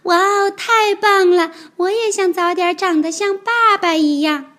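A woman voicing a sweet, trusting baby ankylosaur in a squeaky, eager childlike voice. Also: animated, unhurried, a bit bright, full character voice.

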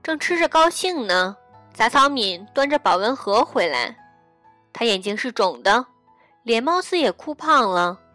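A woman reading a story aloud in a gentle, intimate storytelling manner, acting out the dialogue as she goes. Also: fairly high pitch, big pitch swings, a little slow, no room sound. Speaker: radio reader. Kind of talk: storybook narration over music. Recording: dry close mic with soft background music.

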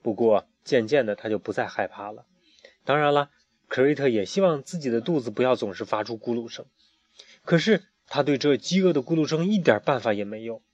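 A man's voice: medium pitch, lively intonation, no room sound. Man reading a children's story aloud. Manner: warm, drawn-out, with hesitation fillers. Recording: dull, muffled lo-fi recording.

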